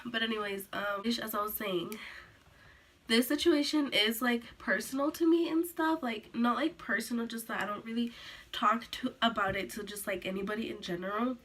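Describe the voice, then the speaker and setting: Chatty teen girl with a bright voice. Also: on the high side, moderate pace. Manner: rambling, filler-heavy, many "like"s and restarts. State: recovering from illness, coughing. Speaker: vlogger. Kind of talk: sit-down story time.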